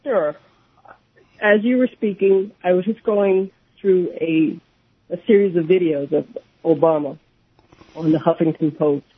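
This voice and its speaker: A woman calling in to a radio show, her cell phone voice fading in and out, talking in a hesitant, halting way. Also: on the low side. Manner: hesitant, halting, restarts words. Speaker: radio call-in caller. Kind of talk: call-in conversation. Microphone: cell phone earpiece. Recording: tinny, husky cell phone line fading.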